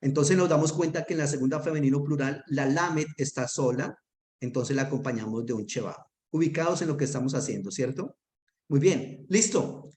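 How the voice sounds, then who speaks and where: A man's voice: medium pitch, fairly quick, darkish tone, echoey room. A man teaching a grammar lesson, patient and methodical, often checking that his students follow. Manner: patient, checks understanding with frequent "¿listo?".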